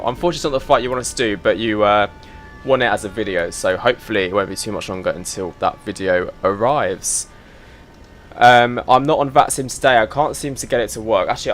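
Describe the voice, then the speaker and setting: This man has a lowish, fairly bright voice and streams flight sims live, chatting casually as he gets his setup in order and says hello to viewers by name. He's a little bunged up with a slight cough, and there's some faint background noise.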